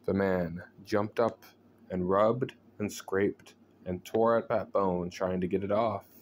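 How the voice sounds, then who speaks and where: Low-voiced man slowly narrating a horror story. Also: steady tone, a little mellow, muffled recording, slight background noise. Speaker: storyteller reading aloud from a book.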